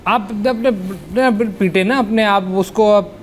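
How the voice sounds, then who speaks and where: A man's voice: sits high, measured pace, slight background noise. A man with a Pakistani accent hosting a TV talk show, pressing his guests and mixing in English phrases. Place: TV studio.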